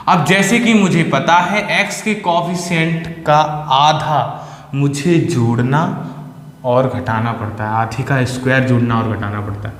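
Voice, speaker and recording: A man's voice: fairly high pitch, a bit bright. A man teaching a maths lesson, patiently explaining step by step and slipping English terms into his talk. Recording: echoey room with long reverb.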